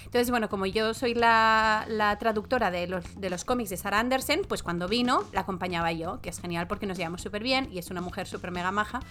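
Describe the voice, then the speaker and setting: A woman co-hosting a chat show, telling a story in a relaxed, casual way and acting out the voices of the people in it. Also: medium pitch, quick pace, hardly any pauses, faint music behind. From Barcelona. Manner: animated anecdote-telling, acts out quoted voices. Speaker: podcast co-host, translator.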